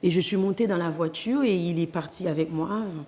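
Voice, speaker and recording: In a large hall, a Haitian woman in her thirties with a Haitian accent gives an interview as a guest author. Her voice sits lowish and dark in tone, and she talks briskly yet earnestly, with many hesitations, in the manner of testimony.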